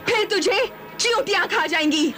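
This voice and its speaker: A woman's voice: very high-pitched, moderate pace, bright, forceful tone, faint music behind. An actress playing a cruel sorceress queen who taunts her victim in a gloating sing-song manner. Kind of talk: 1990s TV fantasy drama acting.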